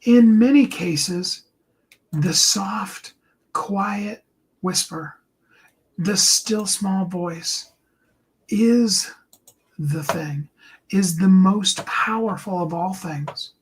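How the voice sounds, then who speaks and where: A host and coach with a higher tenor voice gives his viewers an earnest, encouraging motivational talk. He often slows down and drops to a soft whisper, and the rough recording carries a little hiss or hum.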